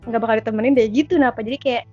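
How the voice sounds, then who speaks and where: A woman's voice: a little high, steady tone, racing, mellow, slightly rough, muffled recording, faint music behind. A young woman co-hosting a casual podcast chat, talkative and self-mocking, laughing often. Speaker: podcast co-host.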